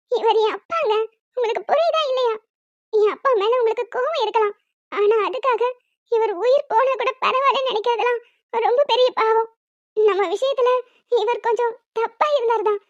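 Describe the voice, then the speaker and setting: A woman doing a very high, squeaky cartoon young wife. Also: no echo. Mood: desperate. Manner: pleading, tearful. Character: young wife, loving and desperate daughter. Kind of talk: Tamil cartoon serial voice acting. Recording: dull lo-fi sound.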